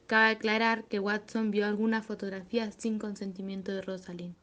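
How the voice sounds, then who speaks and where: A woman's voice: mid-range voice, level tone, normal speed, fairly bright tone. A young woman, a student, reading a school presentation steadily, with small fillers.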